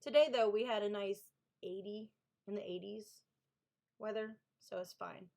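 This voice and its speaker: A Kentucky woman with a Southern accent, an author streaming writing sprints, chats casually with viewers about her books. She speaks at a moderate pace in a medium-pitched, darkish voice, staying chatty, thanking viewers and reading the chat aloud.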